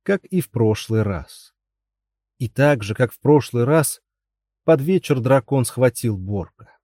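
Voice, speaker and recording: A man narrates a storybook tale in an even, measured voice. His tone is warm and dark, with a mid pitch. The recording is dry and close. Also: dry recording. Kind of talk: audiobook narration.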